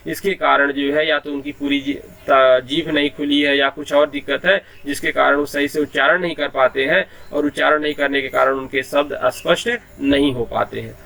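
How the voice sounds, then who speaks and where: A man with a slightly high, gravelly, sharp-toned voice teaches Hindi in an online class. He explains patiently, sounds out letters one at a time, and habitually repeats a filler phrase.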